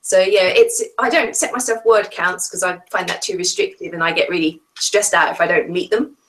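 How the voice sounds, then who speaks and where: A woman with a lowish voice speaks steadily on a casual video call, laying out her thoughts in an orderly way. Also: moderate pace, poor audio. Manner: steady, organized explanation. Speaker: author and freelance editor.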